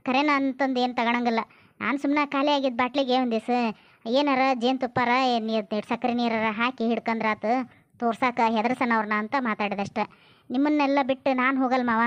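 A woman's voice: on the high side, steady tone, fairly quick, natural voice. A woman playing a scolding North Karnataka village wife. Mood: pleading. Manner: sharp scolding, turns tearful and pleading. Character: quarrelsome village woman of the house. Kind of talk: village comedy drama acting. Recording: dull lo-fi sound.

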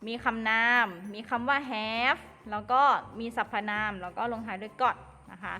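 A woman teaching an English lesson to children, explaining slowly and carefully and addressing them fondly. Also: a little high, sharp tone. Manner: slow, careful explaining, addresses pupils as "ลูก". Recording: long reverb with faint music.

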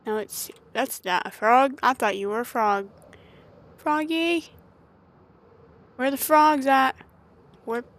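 A woman hosting casual gameplay commentary, chatty and excitable, talking to the creatures on screen. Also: high voice, takes it slowly, long pauses, rough recording. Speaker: gaming channel host.

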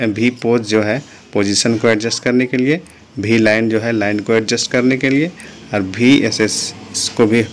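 Low-voiced man explaining TV repair. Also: a little hiss or hum. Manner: patient, explanatory, repeats "friends". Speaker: channel host, TV repair tutor. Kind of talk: step-by-step repair tutorial.

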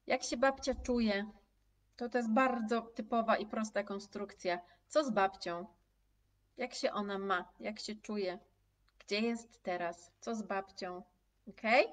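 A woman teaching a live online language lesson, speaking slowly and clearly, repeating example phrases and answering viewers' comments. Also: mid-range voice, far from the mic.

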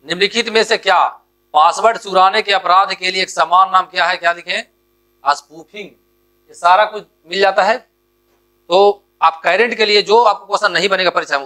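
A man coaching exam students, firing off questions and answering them himself. His voice is bright and forceful, a little high for a man. He keeps urging his students on at a rapid clip. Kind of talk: exam strategy lesson.

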